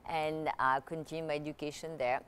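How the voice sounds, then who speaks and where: An Italian-born woman whose first language is Italian, a luxury consultant and author, talks through her career as a guest in a conversational interview. Her low voice is flat, a bit bright and a little fast, chatty with many fillers and restarts, with slight hiss or hum in the recording.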